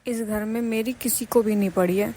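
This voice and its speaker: A woman's voice: fairly high pitch, steady tone, normal speed, noisy background, close to an everyday voice. A woman voicing a young, tired daughter-in-law in a cartoon, pleading and weary.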